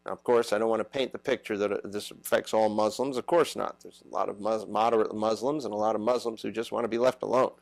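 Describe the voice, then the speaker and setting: A man's voice: lowish voice, steady tone, gravelly, a little mellow, no echo, low-quality recording. A man hosting a political talk show, stopping often with "uh" between phrases. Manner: halting, many "uh" fillers.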